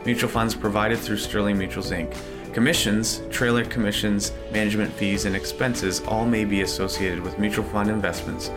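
A man's voice: on the low side, steady tone, moderate pace, music in the background. A Canadian man, a podcast host, reading a scripted legal disclaimer straight through in a formal way. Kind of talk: scripted sign-off and disclaimer read.

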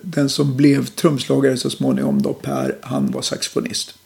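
Middle-aged male musician guest, gravelly and dark-toned, unhurried and reflective. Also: mid-range voice. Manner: relaxed, reflective storytelling with many fillers. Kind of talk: casual interview talk.

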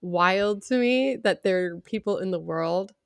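A young adult woman with vocal fry, chatting casually as a podcast co-host in a wry, self-deprecating way. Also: mid-range voice, a little slow, dry recording, clean studio sound.

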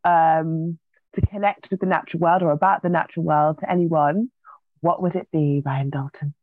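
A woman's voice: low-pitched, fairly even intonation, moderate pace, no room sound. A woman co-interviewing on a podcast, chatting casually and enthusiastically. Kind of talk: casual chat. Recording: dry tinny phone-like line.

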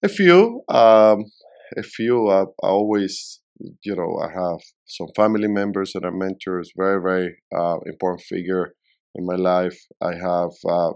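A middle-aged man from Venezuela answering interview questions in a halting way, often repeating words while he searches for them. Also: sits low, darkish tone. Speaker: real estate developer, guest.

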